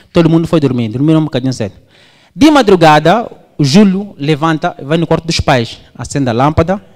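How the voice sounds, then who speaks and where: A man from Angola preaching a sermon, telling a story with his voice swinging up and down. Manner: animated storytelling, voice swings high and low. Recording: long hall reverb.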